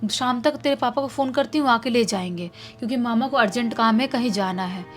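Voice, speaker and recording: A woman's voice: on the high side, a little fast, soft background music, lightly acted. A woman voicing a kind aunt who comforts a crying child. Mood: comforting.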